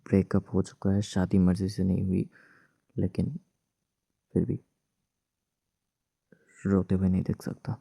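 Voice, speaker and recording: A man voicing a young husband married to his ex, gruff but tender, in a hushed, soothing, teasing whispered role-play. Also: low voice, monotone, a little slow, pauses often, dry recording, studio quality, heavily acted.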